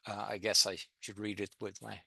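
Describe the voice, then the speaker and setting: A middle-aged Swedish man with a Swedish accent gives an online public talk from his home in a town as a guest lecturer, speaking over a video call through his computer mic. His voice sits on the low side, gravelly, husky and bright, with a flat but forceful, brisk delivery, though he's hesitant with many fillers and restarts. The sound is studio quality with no room sound.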